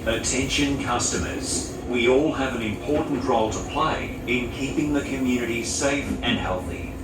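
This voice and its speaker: A man making formal prerecorded train announcements, his words spliced together, heard over a carriage loudspeaker. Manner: formal, evenly paced announcing. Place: inside a moving train carriage. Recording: echoey loudspeaker from far off, loud train noise. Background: train rumble and air conditioning.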